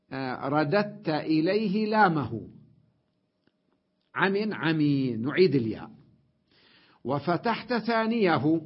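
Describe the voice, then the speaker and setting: Husky-voiced man teaching grammar. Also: high-pitched. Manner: drills words aloud, often checks understanding with a question. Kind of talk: classroom grammar lesson. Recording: dull lo-fi lecture recording.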